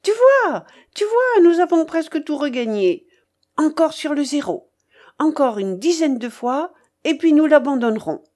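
A woman's voice: high-pitched, sing-song, measured pace, darkish tone, voice pushed up. A woman voicing an impatient, hot-tempered old grandmother who gambles and barks orders, in an audiobook. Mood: commanding, eager. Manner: bossy, barking orders. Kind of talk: audiobook character voice.

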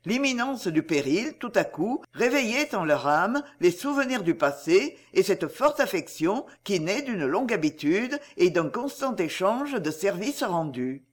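Expressive, high-voiced male narrator. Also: measured pace, few pauses. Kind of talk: audiobook narration of a classic novel.

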